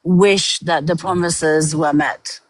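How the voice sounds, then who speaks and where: A woman's voice: low voice, fairly even intonation, slow pace, no room sound, low-quality recording. A woman from Iran, a guest on a livestream, who speaks earnestly, laughs often and hedges her points. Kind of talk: political debate on a livestream.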